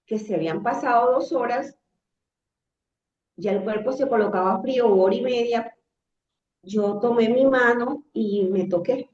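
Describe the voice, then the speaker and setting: A woman with a Caribbean Spanish accent tells a personal story conversationally, in halting phrases with some repetition. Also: on the high side, a little mellow. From Caribbean coast of Latin America. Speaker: guest telling a personal testimony. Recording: roomy echo, slightly dull sound.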